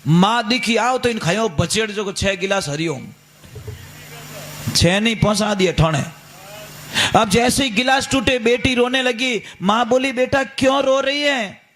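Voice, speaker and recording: A man's voice: high voice, a little slow, long pauses, fairly bright tone. A man, a spiritual preacher giving a storytelling sermon and animatedly acting out the characters.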